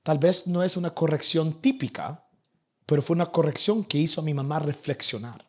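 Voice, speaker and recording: A young man preaching a sermon to his church, animated and acting out the people in his stories. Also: fairly high pitch, normal speed. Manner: animated, acts out nagging parents in a raised voice. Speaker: pastor. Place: church in Vancouver.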